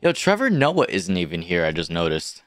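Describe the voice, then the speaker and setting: A man's voice: low-pitched, huge pitch swings, moderate pace, fairly bright tone, slight background noise. A man casually commenting while watching comedy, blunt and swearing. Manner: blunt, swearing, offhand remarks. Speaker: streamer reacting to video.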